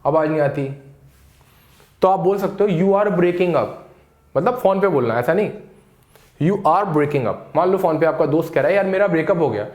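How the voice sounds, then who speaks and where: A man's voice: on the high side, a little mellow. Hindi-speaking male teacher, echoey room. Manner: explains idioms in Hindi, reads English examples slowly. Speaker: English teacher. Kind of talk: casual spoken English lesson.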